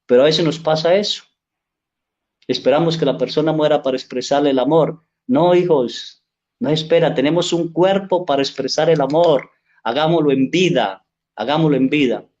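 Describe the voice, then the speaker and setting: Male priest, pitched a bit high, earnest sermon storytelling, slightly lo-fi recording. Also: moderate pace, a little mellow. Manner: earnest storytelling, tag questions "¿sí?".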